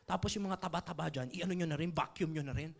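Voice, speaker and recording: A woman's voice: low voice, fast, gravelly, pitched below the performer's own voice. Fussy vain woman pleading , as a man puts her on. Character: vain woman reborn after an accident.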